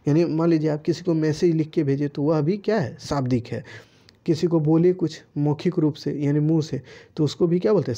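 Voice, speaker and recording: A man's voice: fairly high pitch, dark tone. A man teaching students, patiently walking through quiz answers and asking himself rhetorical questions before giving each answer.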